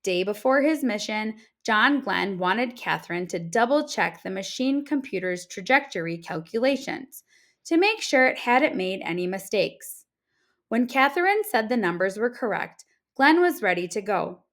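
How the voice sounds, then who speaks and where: With the careful, expressive delivery of a teacher reading to kids, a woman works through an informational picture book. She speaks at a medium pitch.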